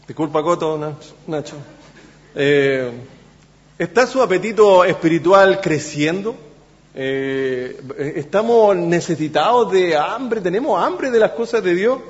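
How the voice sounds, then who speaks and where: A man delivers a sermon, his voice sitting high for a man. He halts often on fillers and restarts, then leans hard on his key words. The sound carries a long church-hall echo and a muffled, dull tone. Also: expressive. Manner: halting, many fillers and restarts, emphatic. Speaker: preacher.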